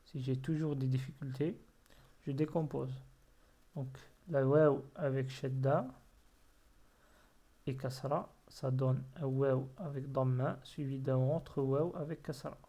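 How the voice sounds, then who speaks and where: Slow, patient man teaching reading. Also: mid-range voice, steady tone, mellow. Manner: patient, repeats words syllable by syllable. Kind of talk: slow explanatory lesson.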